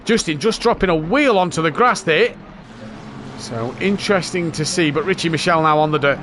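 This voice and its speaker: Higher-pitched male motorsport commentator, engine noise behind. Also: a little fast, fairly bright tone. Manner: motorsport commentator calling the action as it happens. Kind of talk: live race commentary.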